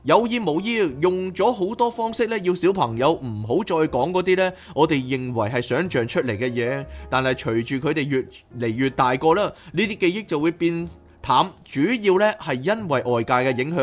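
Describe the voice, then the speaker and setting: A man reads a book aloud as podcast host and breaks off into animated, chatty asides. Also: a little high, normal speed, few pauses. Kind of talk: reading a book aloud with commentary.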